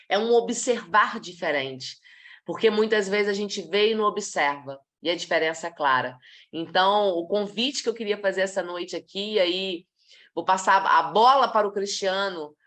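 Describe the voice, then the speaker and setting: A woman from Brazil giving a live talk to professionals on body language, lively and demonstrative, acting out examples as she goes. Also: mid-range voice, moderate pace.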